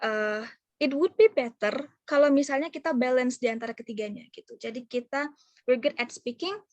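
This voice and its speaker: A woman's voice: high voice, brisk, no echo. A young Indonesian woman with an Indonesian accent, a guest chatting casually in an online call and switching between English and Indonesian.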